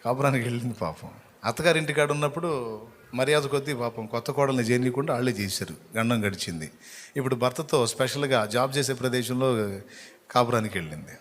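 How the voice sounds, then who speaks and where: A man's voice: mid-range voice, quick pace. A man preaching a sermon, telling a story with sympathy for its people. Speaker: pastor.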